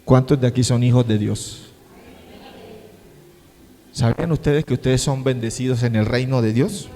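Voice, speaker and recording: A middle-aged man preaching a sermon as pastor, swinging from hushed words to shouts. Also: mid-range voice, steady tone, moderate pace. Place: church sanctuary. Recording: long church-hall reverb.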